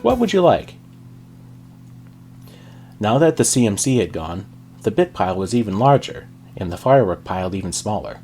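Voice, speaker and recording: Over soft background music, a man reads fan fiction aloud as an amateur narrator, storybook style, including character dialogue. He sounds fairly low, darkish, expressive, and brisk.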